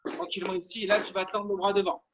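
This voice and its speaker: A man's voice: high-pitched, level tone, fast, muffled recording, noisy background. A man coaching a live online workout class, counting down reps and cheering people on. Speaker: fitness coach.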